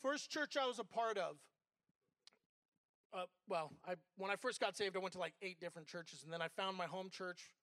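A man's voice: high-pitched, moderate pace, fairly bright tone, no room sound. A middle-aged man, an associate pastor, giving a candid, conversational sermon built on personal stories.

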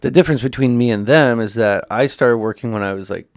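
A man's voice: medium pitch, fast talker, dry recording, clean studio sound. Profane storytelling man in his thirties. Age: 30s. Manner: profane, storytelling, self-mocking. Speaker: podcast co-host. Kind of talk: casual chat.

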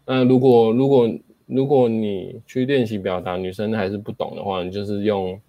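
A man's voice: lowish voice, steady tone, normal speed, no room sound, highs cut off. A man hosting casual talk, explaining speaking skills, demonstrating examples aloud and using frequent fillers.

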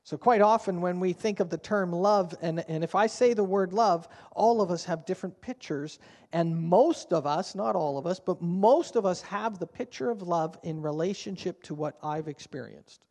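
A man's voice: high voice, moderate pace, darkish tone. A man preaching a sermon at a pulpit microphone in a church, speaking in an earnest, conversational way. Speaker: pastor. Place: church sanctuary. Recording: long church-hall reverb.

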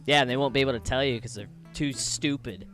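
A man's voice: mid-range voice, quick pace, a bit bright, faint music behind, lightly acted. A man playing a chummy, easily exasperated desert alien scavenger, tipsy and rambling in improvised comedy. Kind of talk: improvised comedy role-play.

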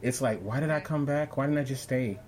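A man's voice: mid-range voice, fairly quick, a little hiss or hum. A man hosting an online talk show, chatting casually with lots of fillers and restarts. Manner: relaxed, rambling with many fillers. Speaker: podcast host. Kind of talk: casual interview chat.

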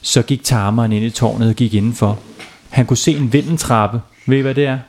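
Playful dad telling a bedtime story. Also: male voice, mid-range voice, fairly even intonation, darkish tone. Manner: playful, asks the children questions. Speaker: father telling bedtime stories. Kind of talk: children's bedtime story narration.

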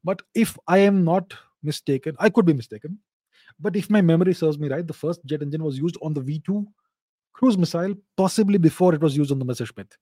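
Casting: male Q&A host, Indian accent, fairly high but soft-toned voice, opinionated and explanatory. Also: fairly quick, no room sound. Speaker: host of a live Q&A show. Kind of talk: informal geopolitical commentary answering viewer questions.

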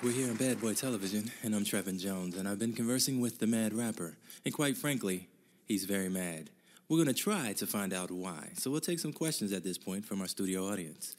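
A man hosting a scripted TV comedy sketch with formal, measured presenter delivery. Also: lowish voice, expressive. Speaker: TV show host.

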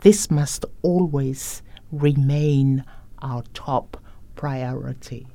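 A woman speaking as an education facilitator in a reflective interview, in a measured, deliberate manner. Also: a bass voice, mellow, no echo.

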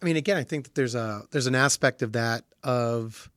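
A man's voice: mid-range voice, moderate pace, fairly bright tone, no room sound. Reflective man, dry close sound. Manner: reflective, thinks aloud with restarts. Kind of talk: casual conversation.

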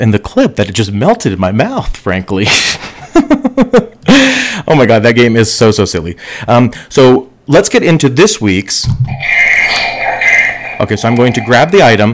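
A man hosting a casual livestream show, chatting playfully and giggling often, talking through a headset microphone. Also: medium pitch. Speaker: host. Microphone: slim headphones with microphone.

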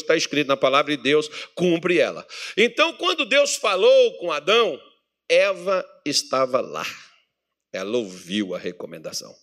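A Brazilian pastor with a bright, ringing voice sitting a little high for a man. He preaches in a church hall, reads scripture loudly and drops to a murmur for warnings. He trades quips with the congregation. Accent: Brazilian Portuguese. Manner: joking asides with the congregation, swinging from loud scripture reading to low murmurs. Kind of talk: sermon.

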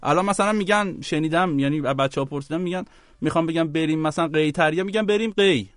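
High-voiced man joking on radio. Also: fairly bright tone, no room sound. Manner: playful, self-mocking, laughs often. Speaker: radio co-host. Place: radio studio.

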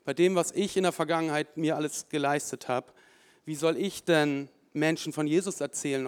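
A fairly high-voiced man preaching with lively emphasis. He acts out the thoughts of the people in the story. His voice rings with a long reverb, as in a church hall. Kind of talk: sermon.

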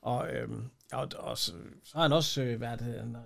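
A man co-hosting a casual podcast, talking haltingly with many fillers and laughing often. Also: medium pitch, creaky, fairly bright tone. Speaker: podcast co-host. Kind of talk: casual chat.

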